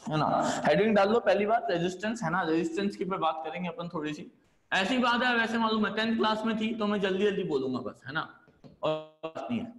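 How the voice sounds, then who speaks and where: High-voiced man teaching in an echoey room. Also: lively intonation, fast talker, a bit bright. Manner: chatty, coaxing, says "है ना" often. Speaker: physics teacher. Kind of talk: classroom lecture.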